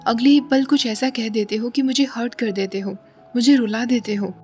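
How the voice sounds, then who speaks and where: A woman's voice: a little high, fairly even intonation, moderate pace, darkish tone, faint music behind, close to an everyday voice. Woman voicing a shy, guarded young man.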